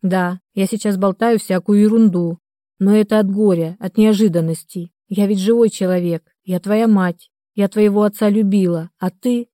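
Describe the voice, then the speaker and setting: A woman's voice: mid-range voice, fairly even intonation, moderate pace, warm tone, dry recording, clean studio sound, lightly acted. A woman reading the part of a retired mother in her sixties, anxious and reproachful, in an audiobook. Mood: upset.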